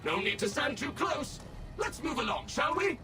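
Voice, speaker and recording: A man's voice: very high voice, animated, moderate pace, over music. An actor playing an overly polished, servile male robot tour guide in a video game, with a synthetic robot sound and cheerfully scripted phrasing. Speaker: game character.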